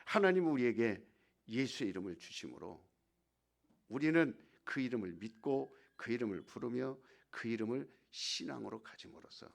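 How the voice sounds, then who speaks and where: Gravelly, lively male preacher. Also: mid-range voice, moderate pace. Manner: emphatic preaching, call-and-response. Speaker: pastor. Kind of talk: sermon.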